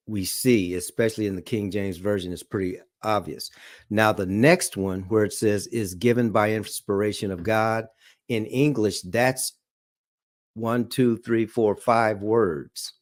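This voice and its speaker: This is a man with a fairly low-pitched voice, recorded cleanly in a studio with no room sound. He teaches a Bible study, reading scripture aloud slowly and regularly asking "okay?" and "all right?"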